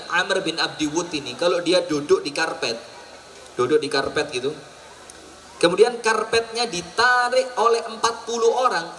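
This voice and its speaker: High, bright-voiced East Javanese preacher. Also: male voice. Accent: East Javanese Indonesian. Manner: lively storyteller acting out characters, mixing in local slang and Arabic. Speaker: Islamic preacher. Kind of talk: storytelling sermon at a public event. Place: outdoor food festival stage. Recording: distant mic with background ambience.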